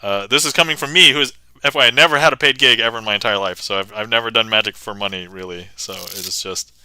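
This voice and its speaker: Man, livestream magician, chatty, laughs a lot, very bright tone, dry close sound. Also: fairly low pitch, fast talker, smooth, dry recording, low-quality recording. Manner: chatty, laughs often, talks through card moves. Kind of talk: casual livestream magic patter.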